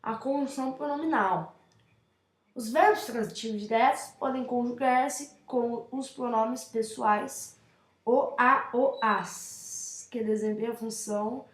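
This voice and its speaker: A woman's voice: a little high, takes it slowly. A young woman with a Brazilian Portuguese accent explaining grammar in a casual classroom style, often checking in with her listeners. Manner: chatty, addresses viewers with frequent check-ins. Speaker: teacher presenting a grammar lesson. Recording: echoey room.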